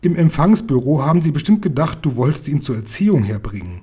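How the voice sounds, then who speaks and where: Man voicing a confident young girl, storybook, firm, warm breathy voice. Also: a little high, sing-song, fast. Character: brisk, self-assured young girl.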